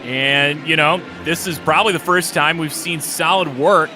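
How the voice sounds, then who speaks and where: A man's voice: on the high side, normal speed, over music. Easygoing man doing color commentary. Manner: easygoing, enthusiastic analysis. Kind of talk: casual sports commentary.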